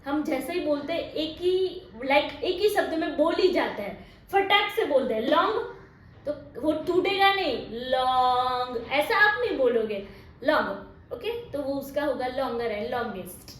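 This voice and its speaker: A woman's voice: sits high, lively intonation, unhurried. A woman with a Gujarati accent teaching English grammar, mixing Hindi and English, drawing out her example sentences and often checking "okay?". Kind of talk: classroom-style grammar lesson. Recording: echoey room with faint noise.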